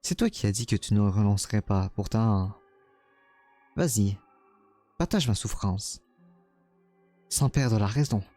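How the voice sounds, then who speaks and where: A man's voice: on the low side, mellow, dry recording, soft background music. A man voicing a cruel, taunting young female witch spirit while reading a game's dialogue aloud. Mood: scornful. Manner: mocking, teasing, slow and menacing.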